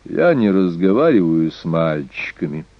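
A man voicing a proud Germanic king who speaks in a calm, dignified, measured way. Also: low-pitched, no echo. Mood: calm, stern. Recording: dull lo-fi recording.

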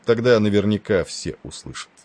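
A man's voice: lowish voice, moderate pace, a little mellow, lightly acted. A man voicing a stern, curt male ship captain in an audiobook. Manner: curt and irritable.

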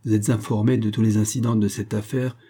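A man's voice: lowish voice, flat delivery, fairly quick, dark tone, husky. A man reading an audiobook, voicing a returned outlaw who formally and solemnly addresses his old club.

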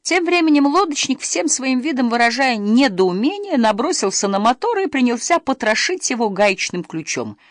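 An audiobook narrator reading a first-person story with expressive storytelling. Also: medium pitch, moderate pace, few pauses, no room sound, studio quality.

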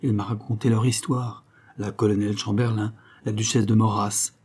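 A man's voice: on the low side, level tone, normal speed, darkish tone, slightly rough. A man reading aloud, voicing an eager, pleading fifteen-year-old girl in a storybook. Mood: earnest. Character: passionate girl of fifteen, ardent and loving.

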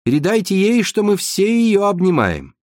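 A man's voice: high-pitched, wildly swooping pitch, normal speed, darkish tone, dry recording, studio quality, voice pushed up. A man reading an audiobook, voicing an eager, exclaiming male workshop boss. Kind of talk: audiobook narration.

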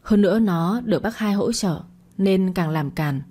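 A woman reading the part of a young wife in an audio story, calm and reasoning. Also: mid-range voice, measured pace, close to an everyday voice. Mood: firm.

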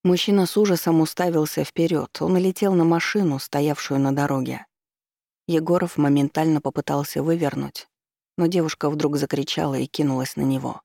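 A man reading an audiobook in a steady, measured narration style. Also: on the high side, vocal fry, no room sound, clean studio sound. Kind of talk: scripted narration.

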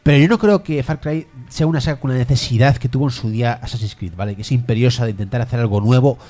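A man from chatting on a gaming podcast, telling stories with animated acted-out voices. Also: mid-range voice, quick pace. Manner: animated storytelling, acts out voices. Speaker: podcast co-host. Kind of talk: casual gaming podcast chat.

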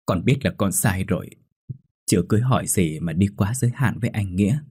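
A man's voice: low voice, lively intonation, a little fast, a little mellow, slightly rough, no echo, studio quality. A man voicing a young grieving pregnant village woman, begging through tears. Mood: pleading. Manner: tearful pleading.

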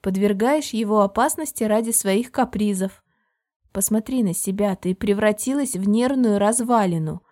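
A woman voices a controlling man in an audiobook, his tone level and almost kindly. The pressure sits underneath the calm. The voice is mellow and warm rather than bright. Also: mid-range voice, moderate pace, close to an everyday voice. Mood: pressuring. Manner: even, almost friendly, quietly pressuring. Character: controlling adult man, calm and falsely caring. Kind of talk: audiobook character reading.

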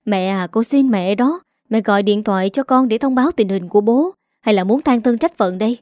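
A woman voicing a young office-worker daughter, soft and pleading with her mother. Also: medium pitch, brisk, no room sound, studio quality, natural voice.

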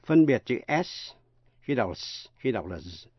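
A man teaching English pronunciation in a radio lesson, spelling words out letter by letter with slow, careful delivery. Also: medium pitch, very animated, breathy edge, dry recording, lo-fi sound, faint music behind.

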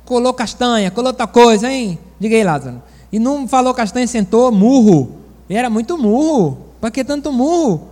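A man from Bahia, preaching a sermon in a folksy, animated storytelling manner with asides to the congregation. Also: very high voice, brisk, few pauses, in a large hall. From Bahia, Brazil.

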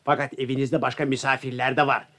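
A man's voice: mid-range voice, flat delivery, fast, close to an everyday voice. An actor playing a rude, greedy male houseguest and gambler in a radio play, with a blustering manner. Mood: wheedling. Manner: blustering, shouting for service.

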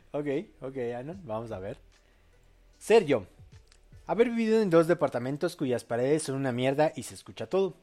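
A man's voice: medium pitch, lively intonation, normal speed, warm tone, soft background music. A young man hosting a casual late-night live show, reading audience posts aloud in a crude, joking way and laughing often.

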